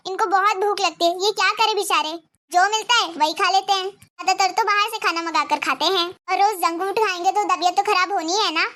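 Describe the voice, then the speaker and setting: A woman's voice: very high-pitched, fairly quick, pushed and bright. A woman voicing a worried young wife confiding to a friend in a cartoon story.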